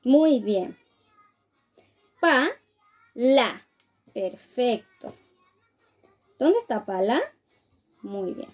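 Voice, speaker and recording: A woman's voice: medium pitch, animated, extremely slow, pauses often, mellow, soft background music. A woman teaching a phonics lesson to small children, sounding out words syllable by syllable and praising them often. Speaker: preschool teacher.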